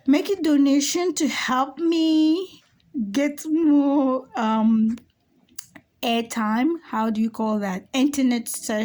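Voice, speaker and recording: A middle-aged woman with a slightly high voice tells her spiritual experiences at an unhurried, drawn-out pace. She shifts between soft, hushed asides and loud, animated exclaims, and keeps checking in with "okay?" and "you know". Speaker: spiritual YouTuber. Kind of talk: casual spiritual storytelling. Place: home at night.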